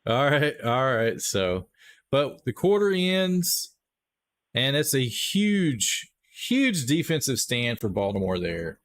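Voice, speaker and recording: A man's voice: medium pitch, sing-song, takes it slowly, fairly bright tone. A man with a Texas accent doing casual live play-by-play for a stream, chatty and upbeat, talking straight to his viewers. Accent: Texan. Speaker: livestream play-by-play host. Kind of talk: live play-by-play commentary with chat shout-outs.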